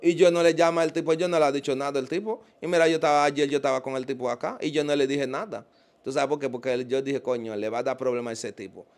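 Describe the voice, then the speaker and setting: A man's voice: medium pitch, steady tone, fast talker. A man with a Dominican accent, a guest in a casual interview, telling stories with animation and acting out the voices of the people he quotes.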